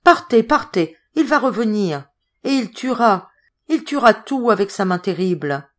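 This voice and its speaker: A woman's voice: medium pitch, very animated, unhurried, voice pushed up. A woman voicing a delirious, wounded young woman who pleads frantically, in an audiobook reading. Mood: frantic.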